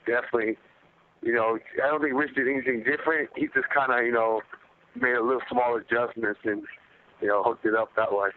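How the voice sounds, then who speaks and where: A man's voice: mid-range voice, fairly quick. A man, a professional fighter, chatting casually and slangily as he answers questions on a media conference call over the phone. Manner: slangy, repetitive, conversational. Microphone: telephone. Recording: narrow phone line with faint noise.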